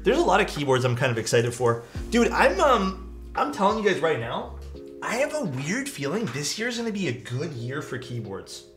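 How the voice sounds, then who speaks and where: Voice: mid-range voice, wildly swooping pitch, normal speed, soft background music. A live streamer chatting casually with viewers, thanking them and using slangy, mildly sweary talk full of dude and bro.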